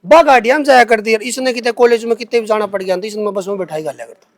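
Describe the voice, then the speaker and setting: He talks very fast in a voice that sits high: a young man from Haryana, India, with a Haryanvi accent, recorded dry. Unscripted, he responds to accusations in an interview by defending himself emphatically in colloquial speech, repeating phrases as he goes.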